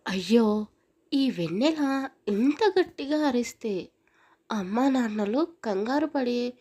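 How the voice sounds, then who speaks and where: A woman's voice: fairly high pitch, expressive, takes it slowly, mellow. A woman voicing a brusque, impatient young husband in an audio story, with curt, scolding lines. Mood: fretful.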